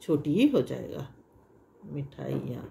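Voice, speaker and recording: A woman's voice: medium pitch, animated, a little slow, darkish tone, slight background noise. A woman teaching a language lesson to children, explaining patiently with repeated examples and drawing out vowel sounds to demonstrate them. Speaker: Hindi teacher.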